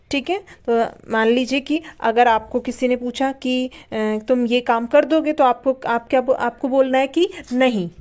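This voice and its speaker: A woman with a slightly high voice teaches a beginner English lesson. She spells out each word slowly, letter by letter, then repeats it and quizzes the listener. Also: a little mellow.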